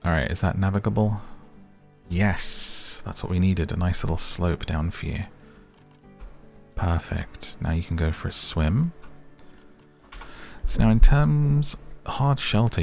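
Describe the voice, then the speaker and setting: A man with a hoarse, raspy, strained voice, giving relaxed, rambling game commentary meant for sleep and muttering to himself as he plays. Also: deep voice. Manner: chatty, muttering to himself while playing. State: voice going hoarse. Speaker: gaming video creator and podcaster.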